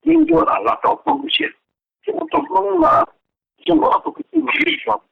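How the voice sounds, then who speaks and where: A man with an extremely high, fry-laden voice talks casually at a moderate pace during a group phone conference. The line sounds dull and low-fidelity.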